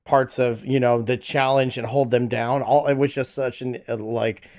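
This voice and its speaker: A man's voice: medium pitch, little pitch movement, moderate pace, a little mellow. A man streaming a casual reaction to music, exclamatory, often stammering and repeating himself as he talks. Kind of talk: casual excited reaction chat.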